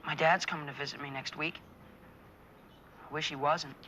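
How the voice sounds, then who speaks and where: A glum, wry boy in a seventies TV drama. The voice is bright and plain-spoken, with faint noise behind it. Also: fairly high pitch, steady tone, moderate pace, dull audio. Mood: sad, wistful. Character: downcast, wry boy who misses his mother. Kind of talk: 1970s TV drama acting.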